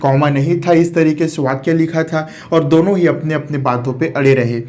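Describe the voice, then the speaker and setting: A man's voice: fairly high pitch, steady tone, moderate pace, darkish tone. Man teaching with repeated rhetorical questions. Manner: repeats key terms and asks rhetorical questions. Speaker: Hindi grammar teacher. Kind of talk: explanatory lesson.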